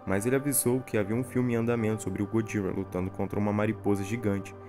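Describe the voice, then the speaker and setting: A video narrator with a Brazilian accent reads a scripted horror recap over background music. His voice sits on the low side, and he keeps a steady tone at a quick pace.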